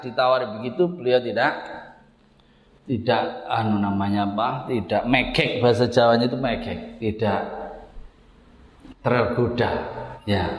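A man with a Javanese accent teaching a religious text study, explaining terms aloud and mixing recited Arabic with casual local asides. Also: a little high. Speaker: Islamic kitab teacher. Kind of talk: religious kitab study lesson. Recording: echoey hall with long reverb.

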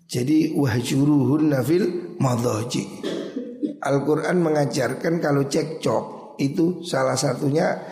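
A man's voice: a little high, slow, gravelly, mellow, roomy sound, in a large hall. A man with a Javanese accent giving a religious lecture, explaining Arabic text in Indonesian and Javanese and repeating his advice. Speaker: preacher teaching a hadith book.

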